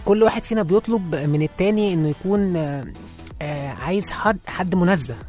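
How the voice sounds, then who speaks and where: A man's voice: high-pitched, fast, a little mellow, faint music behind. A man with an Egyptian accent co-hosting a radio show, chatting in a joking, playful, bantering way. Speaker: radio co-host.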